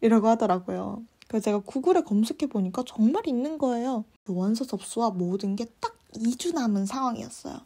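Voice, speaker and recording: A young woman in her twenties chats through a personal story for her vlog and acts out the things people said. Her voice sits a little high, with a mellow, husky softness. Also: a little fast, few pauses. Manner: chatty, animated, acts out quoted lines. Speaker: vlogger.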